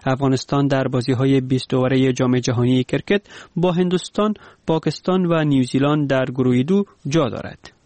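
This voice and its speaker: A man's voice: on the high side, darkish tone, dry recording. A man reading scripted sports news, sometimes restarting his sentences.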